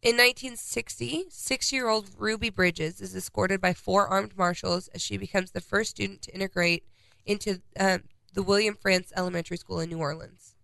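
A woman's voice: medium pitch, steady tone, moderate pace, vocal fry, fairly bright tone, no room sound. A congested woman co-hosting a casual podcast, reading out a timeline of historical dates. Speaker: podcast co-host.

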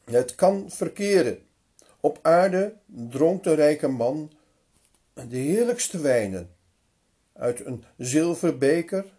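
A man retelling a Bible story slowly and expressively, with occasional hesitations. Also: fairly high pitch, slightly rough. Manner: slow, expressive narration with hesitations.

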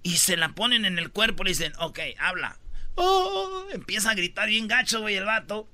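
A man with a Mexican Spanish accent hosting a comedy podcast, telling joking stories and shouting out quotes in put-on high voices. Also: very animated, normal speed, no echo. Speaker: podcast host. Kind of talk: joking storytelling chat.

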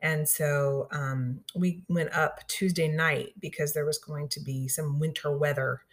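A woman's voice: deep voice, steady tone, unhurried. A middle-aged woman from Southeast Missouri telling personal stories casually on the radio, with lots of ums and you-knows and the odd laugh. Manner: chatty, frequent ums and you-knows, laughs through lines. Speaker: radio show regular sharing stories.

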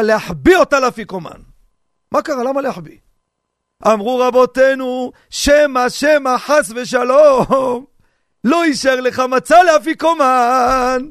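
Brief: male rabbi radio host, very high voice, dry close sound, lively sermon with rhetorical questions and jokes. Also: dry recording. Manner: animated preaching with rhetorical questions and humor. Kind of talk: radio sermon on seder customs.

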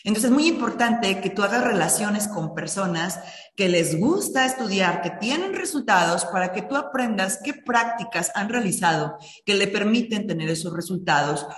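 A woman's voice: mid-range voice, animated, moderate pace. Middle-aged woman, earnest motivational speaker, recorded in a reverberant room. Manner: earnest, addresses listeners directly. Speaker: speaker on personal finance and habits. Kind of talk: motivational talk. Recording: echoey room with long reverb.

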